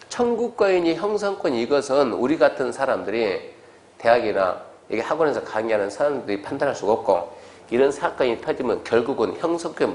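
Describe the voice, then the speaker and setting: A man's voice: medium pitch, darkish tone. A male lecturer giving an exam-prep lecture in a conversational way, acting out little exchanges as he explains. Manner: conversational, acts out quoted exchanges.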